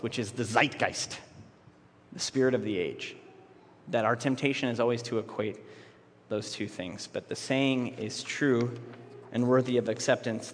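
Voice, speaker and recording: Male pastor, conversational sermon delivery with restarts, mid-pitched voice, long hall reverb. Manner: conversational preaching with frequent restarts.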